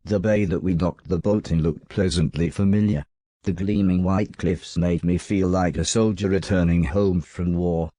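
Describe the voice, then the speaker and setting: Storybook game narrator: male actor as wry homeward adventurer, deep measured delivery, mellow tone. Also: steady tone, no room sound, clean studio sound, lightly acted. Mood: measured, reflective. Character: adventurer recounting his journey home with a companion.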